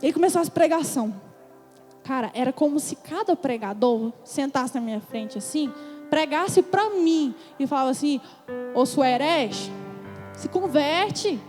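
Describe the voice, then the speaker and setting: A young woman on a church congress stage, telling her conversion story with animated storytelling and acting out her own past words. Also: high-pitched, normal speed. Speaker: testimony speaker at a church congress. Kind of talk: emotional religious testimony. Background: music.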